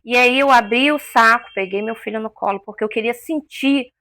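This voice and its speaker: A woman's voice: a little high, a little fast, sharp tone, dry recording, studio quality. A woman giving an emotional personal testimony as an interview guest, a vivid storyteller who acts out the voices she quotes.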